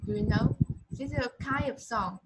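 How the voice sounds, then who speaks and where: A woman's voice: fairly high pitch, moderate pace, noisy background. A Vietnamese woman teaching English online, speaking English with a Vietnamese accent and switching into Vietnamese, patiently coaching pronunciation line by line. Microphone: video call.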